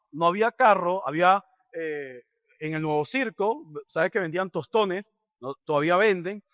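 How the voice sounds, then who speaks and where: A man's voice: high voice, a bit bright, dry recording, clean studio sound. A middle-aged man preaching a sermon as a pastor, speaking directly and asking rhetorical questions.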